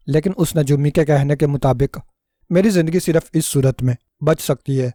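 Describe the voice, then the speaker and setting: Man doing a sly storybook trickster, melodramatic and pleading; slightly high, mellow. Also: dry recording, studio quality, natural voice. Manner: pleading, theatrical self-pity. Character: cunning scheming male trickster, melodramatic.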